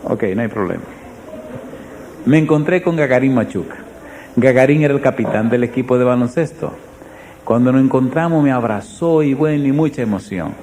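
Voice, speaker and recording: Mellow-voiced pastor preaching dramatically. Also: male voice, expressive, moderate pace, slight background noise. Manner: dramatic, swinging from loud emphasis to hushed lows; asks the congregation direct questions. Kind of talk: sermon with storytelling.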